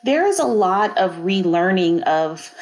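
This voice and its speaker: A woman's voice: medium pitch, sing-song, measured pace, crowd noise, poor audio. Reflective woman from Oakland. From East Oakland, California. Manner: reflective, talks through ideas with many restarts. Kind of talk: casual panel conversation.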